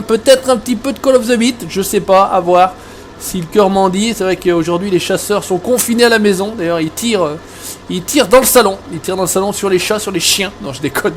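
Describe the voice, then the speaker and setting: A rambling, joking man from Savoie, France, talks his way through a farming game from home, his voice sitting a touch high for a man. He restarts sentences often and fills gaps with easy fillers, with a faint hiss of noise under his voice. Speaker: gaming video host. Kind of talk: casual let's-play chat.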